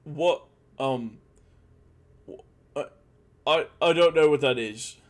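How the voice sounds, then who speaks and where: A man voicing a dim-witted, nervous male castle guard who stammers and is slow to catch on. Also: on the high side. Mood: flustered. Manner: hesitant, stammering, slow on the uptake.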